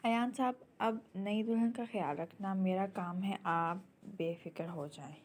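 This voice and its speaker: A woman's voice: mid-range voice, darkish tone, a little hiss or hum, lightly acted. A woman reading an audio novel, voicing a devoted, motherly older servant who speaks politely and deferentially. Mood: kindly.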